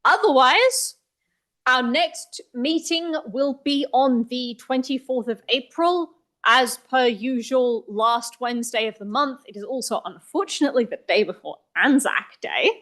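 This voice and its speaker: A woman runs the wrap-up of a tech meetup with a chatty, lightly joking manner. Her voice sits a touch high for a woman. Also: expressive, a little slow, fairly bright tone. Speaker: meetup host. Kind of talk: event hosting announcements. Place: meetup venue, live audience.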